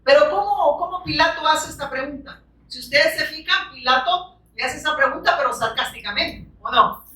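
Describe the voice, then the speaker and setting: Woman preacher, bright higher voice, delivering a fervent sermon; recorded from a distance in a reverberant church. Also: normal speed. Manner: fervent, frequent rhetorical questions and amens. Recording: echoey room, distant from the mic.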